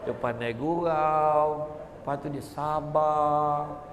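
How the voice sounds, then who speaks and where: A man's voice: fairly high pitch, fairly even intonation, a little hiss or hum. A man voicing a shy young bride who stammers and halts as she tries to explain why she married an older man. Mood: bashful. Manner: stammering, halting. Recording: echoey hall.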